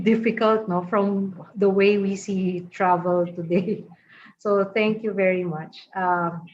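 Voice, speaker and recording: Female panel moderator, measured and gentle, muffled remote line. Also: mid-range voice, slight background noise. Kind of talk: introducing speakers.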